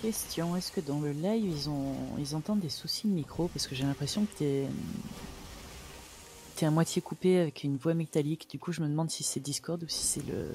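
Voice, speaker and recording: A man chatting casually over a voice call, his voice heard through a computer speaker in an offhand, relaxed way. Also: a little high, fairly quick. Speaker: co-host on a voice call. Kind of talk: casual livestream chat.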